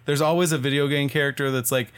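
A man co-hosting a podcast in casual chat, rambling and halting as he searches for words. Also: mid-range voice, steady tone, a bit bright, smooth. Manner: rambling, halting, with many restarts and fillers. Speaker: podcast co-host.

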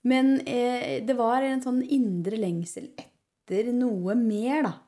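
A Norwegian woman hosting a podcast in casual chat, warmly affirming her guest with many short replies. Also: a little high, fairly even intonation. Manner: warm affirming listener, many short backchannels. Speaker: podcast host.

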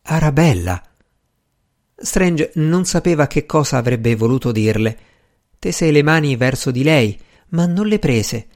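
A man narrating a novel in a steady, even reading voice. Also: a little high, measured pace. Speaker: audiobook narrator. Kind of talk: scripted narration.

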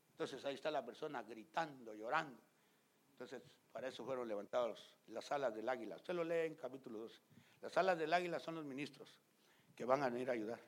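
A man preaching a fiery sermon as pastor. He talks straight to the congregation, gets loud and emphatic, and acts out scenes in other voices. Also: mid-range voice. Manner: loud and emphatic, often shouting.

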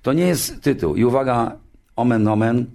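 A man in his sixties, a television show creator, telling an anecdote in a lively way. He often restarts his sentences and jumps into higher voices when he quotes other people. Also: normal speed, gravelly. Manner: frequent restarts and filler words. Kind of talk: anecdotal storytelling.

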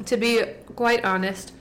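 A woman's voice: fairly high pitch, steady tone, slow, a little hiss or hum. A woman co-hosting a podcast, chatting casually and gushing with enthusiasm over food. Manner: warmly enthusiastic, gushing praise. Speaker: podcast co-host. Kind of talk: casual chat while tasting food.

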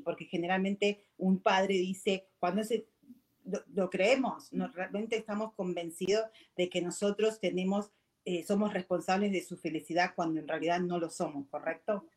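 A woman's voice: mid-range voice, darkish tone. A woman with a Rioplatense accent, hosting and reflecting aloud with many hesitant fillers. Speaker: host. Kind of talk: conversational interview.

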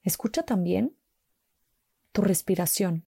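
A woman slowly guiding a mindfulness walk with calm, gentle instructions and long pauses. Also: fairly low pitch, gravelly, slightly rough, no room sound, studio quality. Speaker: meditation guide.

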